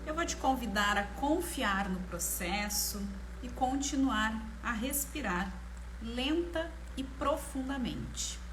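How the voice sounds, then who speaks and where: A woman with a Brazilian Portuguese accent leading a guided meditation in a slow, soothing manner, leaving long pauses between short phrases. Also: a little high, expressive. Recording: clear background noise, ambience. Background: ambient meditation music.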